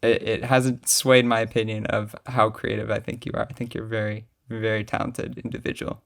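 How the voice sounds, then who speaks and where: A man's voice: lowish voice, flat delivery, fairly quick, gravelly. A young man hosting a casual podcast, talking in an upbeat, playful and encouraging way. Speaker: podcast host.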